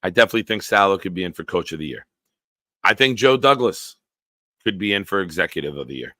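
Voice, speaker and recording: Reading out viewer comments in a casual stream, a man in his forties throws blunt, profane remarks back at his chat. His very low voice is deep and smooth, and he talks fast, animated, forceful and punchy. There's no echo; the sound is dry and close with no room around it.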